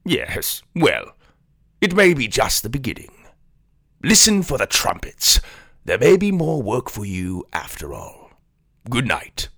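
A man's voice: medium pitch, wildly swooping pitch, takes it slowly, long pauses, fairly bright tone, no room sound, clean studio sound, voice pushed down, full character voice. A man voicing a stingy, grumpy old king in a children's audio drama, speaking in a pompous, grudging way.

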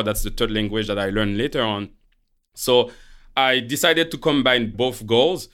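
A man with a voice on the low side and a clean, slightly bright tone co-hosts a podcast. He is from Haiti, a native Creole and French speaker with a Haitian French accent, and as a portfolio manager he explains his career in a conversational interview.

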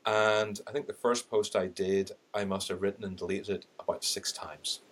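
A middle-aged man with an Irish accent speaks at normal speed in a lowish voice as a podcast guest and sales and LinkedIn trainer. Candid and animated, he recounts his story by acting out his thoughts at the time, with laughing asides.

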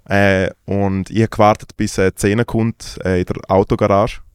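A young man with a Swiss German accent, joking and telling halting stories as a podcast co-host. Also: on the low side, flat delivery, clean tone, dry recording, clean studio sound. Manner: joking, teasing, hesitant storyteller. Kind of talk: casual chat.

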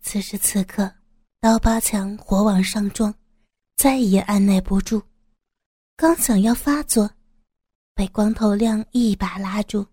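Calm woman narrating a crime story. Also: mid-range voice, measured pace, long pauses, dry recording, studio quality.

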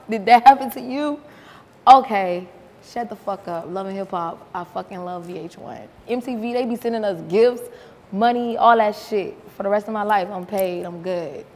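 A woman's voice: on the high side, in a large hall. Blunt, profane woman. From North Miami, Florida. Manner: blunt, profane, animated storytelling. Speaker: guest. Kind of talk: casual interview chat. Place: reverberant room with couch.

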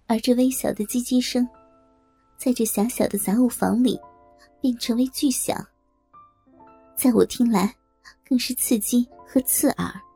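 A woman narrating a first-person audio story, her voice breathy, trembling and pleading. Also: fairly high pitch, measured pace, pauses often, mellow, soft background music.

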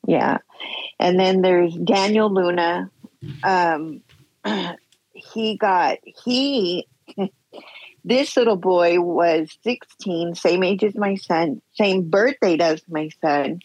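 A woman's voice: fairly low pitch, drawn-out words, a little mellow, no echo. A middle-aged woman telling her own story as a podcast guest, blunt and candid, acting out what people said. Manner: blunt, retells scenes with quoted dialogue. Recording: dull lo-fi sound.

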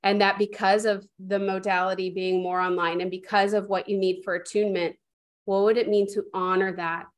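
Woman cohost asking soft probing questions, mid pitch, coachy podcast talk. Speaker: podcast co-host and business coach.

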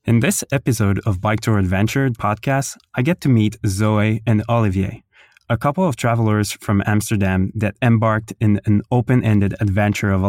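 A man co-hosts a casual podcast and introduces a guest, laughing often and using lots of fillers. His voice is fairly low and a bit dark, recorded dry with studio quality.

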